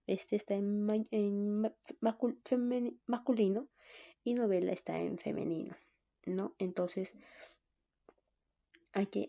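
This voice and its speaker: A woman teaching a recorded online class, slow and patient, often checking in with "¿no?". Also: mid-range voice, mellow. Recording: dull lo-fi sound.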